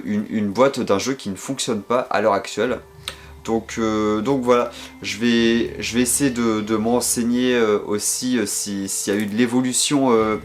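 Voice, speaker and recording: Man with a French accent, mid-pitched, hesitant casual vlog delivery with lots of fillers, soft music bed. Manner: hesitant, many fillers and restarts. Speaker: game collector showing his purchases. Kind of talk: casual video commentary.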